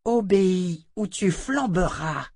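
A man voicing a frightened little servant girl in a storybook reading, pleading in a small high voice. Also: animated, slow, a little mellow, dry recording, clean studio sound, full character voice. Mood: threatening. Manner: whimpering then threatening. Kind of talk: storybook read-aloud voice.

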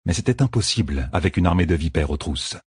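A man narrating an audiobook chapter in a slow, measured reading. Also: sits low, expressive, a little mellow, slightly rough, dry recording, studio quality. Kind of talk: scripted narration.

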